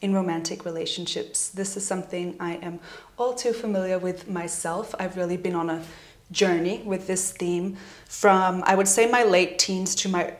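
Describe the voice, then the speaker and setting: A woman's voice: lowish voice, steady tone, normal speed. Candid woman in her twenties, roomy sound. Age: 20s. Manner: candid, gentle and self-reflective, laughs now and then. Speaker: vlogger. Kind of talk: personal reflective vlog talk. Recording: roomy echoey room.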